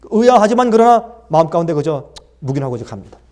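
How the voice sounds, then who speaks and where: A male pastor giving a dramatic, animated sermon and talking directly to the congregation. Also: on the high side, fast talker.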